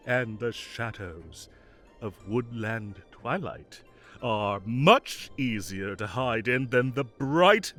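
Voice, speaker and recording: Sly and teasing, a man with a mid-range, fairly bright voice plays the fae king of summer in an audio roleplay. His performance is grand, whimsical and theatrical, mixing mock outrage with affection for his cats.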